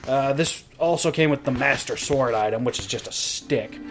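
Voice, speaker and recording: A man's voice: mid-range voice, moderate pace. A young man hosting a let's play, explaining the game in casual, profane commentary with frequent laughs. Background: game music.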